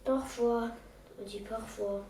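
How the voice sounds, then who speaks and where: A woman's voice: fairly high pitch, fairly even intonation, slow pace, mellow, far from the mic. Woman doing a know-it-all sibling, lecturing and impatient, roomy echo, faint hiss. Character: pedantic older sibling correcting grammar. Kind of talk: amateur theatre acting.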